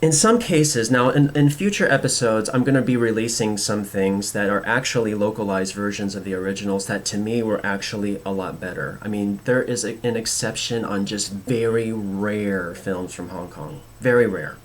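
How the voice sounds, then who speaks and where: Low-pitched man, halting film commentary. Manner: halting, earnest, rambling. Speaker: host of a film commentary show. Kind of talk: casual opinionated commentary.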